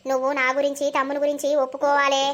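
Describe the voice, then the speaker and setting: A woman doing a quick, high Telangana village mother. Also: completely flat delivery, a bit bright. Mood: gentle. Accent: Telangana Telugu. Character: caring village mother, middle-aged woman. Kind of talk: animated cartoon voice acting.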